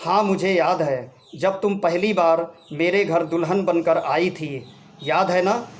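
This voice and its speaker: A man's voice: fairly high pitch, takes it slowly. A man voicing a loving middle-aged husband who speaks tenderly to his wife. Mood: affectionate. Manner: tender, pleading.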